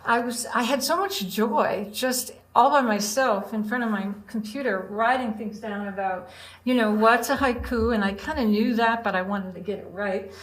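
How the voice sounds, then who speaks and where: A woman's voice: a little high, normal speed, poor audio. An older woman speaking as an open mic poet, chatty and digressive, often addressing her listeners directly. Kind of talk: casual spoken introduction to her own poems, with short recitations.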